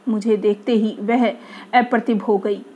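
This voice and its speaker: A woman reading aloud a literary first-person story in a measured way, often dropping to a quieter tone. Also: mid-range voice, steady tone, breathy edge, lo-fi sound.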